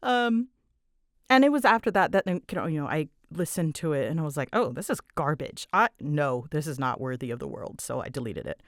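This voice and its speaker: This online creator fields listener questions casually, her deep voice moving at a normal speed with no room sound and the mic held close. She's chatty and pokes fun at herself as she rambles, livening up when she repeats her own words.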